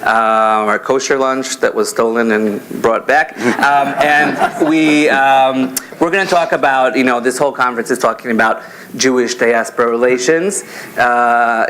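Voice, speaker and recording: A man's voice: medium pitch, noisy background. A young man moderating a conference panel in a loose, chatty way, with many fillers and restarts. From born in America, grew up in Israel.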